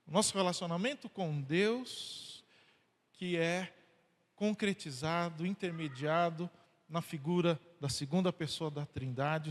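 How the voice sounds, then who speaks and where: A man's voice: high voice, big-room sound. A man from Brazil, a pastor, preaching a sermon and reading scripture aloud with emphatic delivery. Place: church sanctuary.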